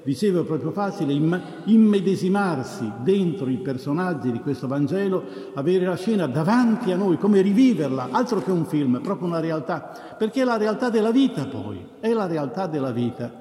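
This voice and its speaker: A male priest reads the Gospel at a measured, solemn pace, then preaches in a looser conversational homily with small hesitations. His voice sits fairly high and mellow, with a melodic, lively rise and fall. The sound rings through a large church with a long reverb tail.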